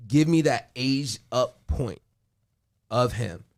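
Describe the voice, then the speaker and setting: A man hosting a podcast, chatting casually and excitedly in quick bursts with restarts. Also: mid-range voice. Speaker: podcast host. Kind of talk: casual chat.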